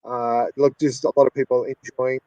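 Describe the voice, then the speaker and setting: A man's voice: mid-range voice, level tone, normal speed, warm tone, no room sound, highs cut off. A man hosting a live online broadcast, gushing with praise. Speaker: radio host.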